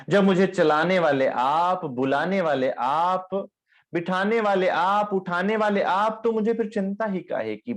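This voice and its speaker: A man giving a devotional discourse on scripture, speaking tenderly to his listeners and chanting verse lines slowly. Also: high-pitched. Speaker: spiritual teacher.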